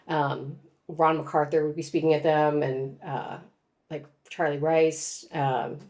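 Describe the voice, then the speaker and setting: A woman's voice: low voice, flat delivery, unhurried, darkish tone. A woman in her forties, a guest author, telling her story in reflective, casual conversation with frequent laughs.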